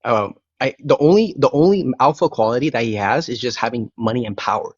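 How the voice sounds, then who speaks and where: A young Spanish-speaking man argues bluntly in a casual live-stream debate, rambling with plenty of restarts and fillers. His mid-range voice moves a little fast, and the dry, dull lo-fi call audio has no echo.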